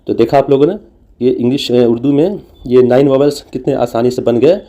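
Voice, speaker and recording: A man with a very dark, mellow voice walks through a language lesson. He explains patiently and repeats each example slowly. Small fillers slip into his steady teaching. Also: medium pitch, lo-fi sound.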